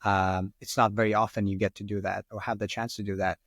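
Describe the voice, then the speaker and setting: A twenty-something guest from Sri Lanka, a first-language Arabic speaker, fields podcast questions in a casual, rambling style heavy on "like" and "um." His lowish voice has a fairly bright tone, little pitch movement and a quick pace. The recording is dry, clean studio sound.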